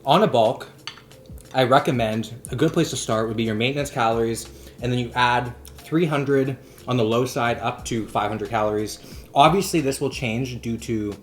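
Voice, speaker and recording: A man's voice: mid-range voice, moderate pace, slight background noise. A young man chatting casually and jokingly in a fitness vlog, explaining diet tips. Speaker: fitness vlogger.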